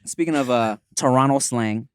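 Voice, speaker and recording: A man's voice: medium pitch, normal speed, smooth, dry recording, studio quality. A man with a Los Angeles accent hosting a casual, slangy podcast chat. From Los Angeles, USA. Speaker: podcast host.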